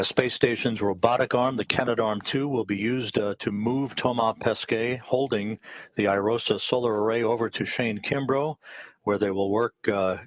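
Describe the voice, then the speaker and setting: A man giving live broadcast commentary in a measured way, often pausing on "uh". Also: fairly low pitch, no echo, low-quality recording. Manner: measured, with frequent "uh" pauses.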